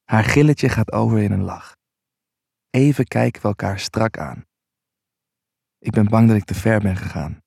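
A man narrating an intimate first-person erotic story in a low, unhurried voice. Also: creaky, a little mellow, slightly rough, no room sound, studio quality.

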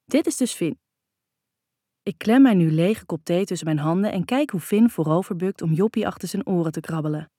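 A woman narrating a first-person novel in a calm, even reading voice. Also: on the low side, a little fast, hardly any pauses, slightly rough, no room sound, clean studio sound. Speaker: audiobook narrator.

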